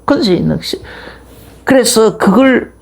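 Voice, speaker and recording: A middle-aged male pastor delivers a sermon as loose, conversational storytelling, often restarting his sentences. His voice carries a gravelly edge. His pitch leaps up and drops back down in wide, expressive swings. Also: unhurried.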